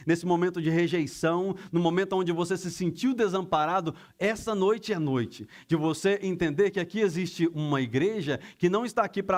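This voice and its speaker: Pastor guy preaching, kinda high voice, chatty, acts out little dialogues. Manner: conversational preaching, acts out everyday dialogues in quick asides. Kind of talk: sermon.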